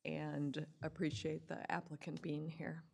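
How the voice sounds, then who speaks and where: A woman county commissioner commenting at a public board meeting in a casual, halting way. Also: low voice, flat delivery, creaky, a little mellow. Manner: casual, halting, self-correcting.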